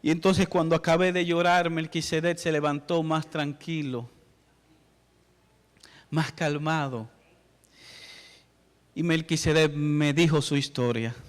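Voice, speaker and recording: Pastor, male, middle-aged: high, crisp voice, long hall echo, storytelling sermon. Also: fairly even intonation, measured pace, long pauses. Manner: storytelling preacher, rising to emphatic passages.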